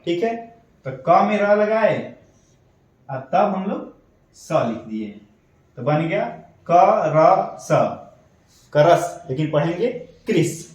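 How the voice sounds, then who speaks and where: A man's voice: sits high, lively intonation, takes it slowly, pauses often, darkish tone, heavy reverb, distant mic, poor audio. A man teaching an online shorthand class, explaining step by step and checking in often. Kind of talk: online lesson.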